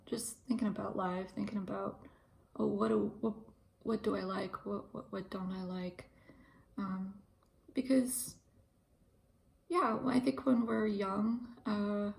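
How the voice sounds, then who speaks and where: Speaking in a heavy, gravelly fry at an ordinary middle pitch with a darkish tone, this woman in her thirties from Ukraine works as a pharmacist and video host. Her casual monologue is reflective and slow, full of hesitant pauses and fillers as she works out her ideas.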